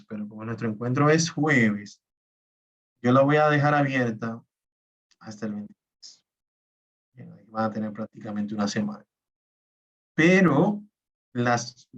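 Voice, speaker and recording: A man's voice: mid-range voice, recorded from a distance, lo-fi sound. A male teacher giving an online class, explaining patiently step by step. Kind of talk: online class lecture on spreadsheets.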